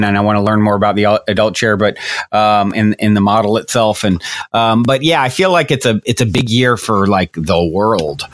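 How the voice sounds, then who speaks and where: A man hosting a podcast, talking in a relaxed, enthusiastic way with lots of fillers. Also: lowish voice, dry recording. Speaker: podcast host. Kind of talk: casual interview talk.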